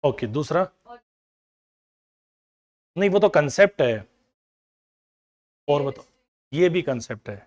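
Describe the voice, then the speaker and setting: A man's voice: a little high, animated, slow, long pauses. A man teaching an accounting class, explaining with everyday household examples and coaxing students to remember answers. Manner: everyday household examples, mixing in English terms. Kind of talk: classroom lecture.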